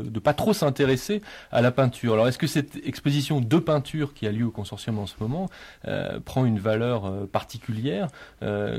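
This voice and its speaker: A man co-hosting a radio panel discussion, framing long questions with many pauses and restarts. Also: lowish voice, a little mellow, breathy edge. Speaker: radio co-host.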